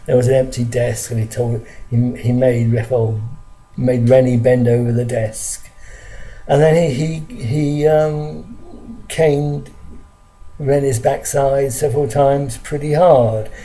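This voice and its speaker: An older Englishman from London tells a story from his school days to a close camera, in a halting, earnest way with many restarts. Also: medium pitch, fairly even intonation, mellow, a little hiss or hum, poor audio. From London, England. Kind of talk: casual spoken recollection to camera. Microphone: camera close in front of him.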